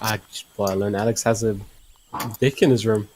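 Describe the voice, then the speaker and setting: A man's voice: lowish voice, fairly even intonation, moderate pace, darkish tone, slight background noise. A young man co-hosting a podcast, chatting casually and needling his friends with teasing banter. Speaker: podcast co-host. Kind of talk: casual chat.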